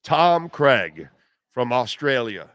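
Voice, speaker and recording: A man's voice: mid-range voice, very animated, takes it slowly, background noise. Exasperated man on an escalating comedy rant. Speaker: radio show host. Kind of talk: comedic sports-talk commentary.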